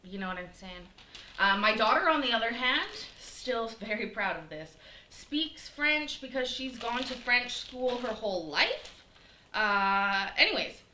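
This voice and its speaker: Chatting to viewers by name, this middle-aged livestream cooking host rambles casually from her home kitchen, using plenty of fillers. Her voice sits on the high side with a sharp tone and big pitch swings, and she takes her time. The room is echoey with a little background noise.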